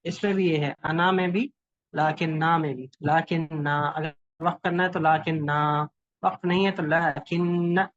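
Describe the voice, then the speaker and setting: A man teaching a class, explaining patiently and haltingly, with pauses and fillers. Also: sits high, fairly even intonation, fairly bright tone, dry recording, highs cut off. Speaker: calligraphy teacher.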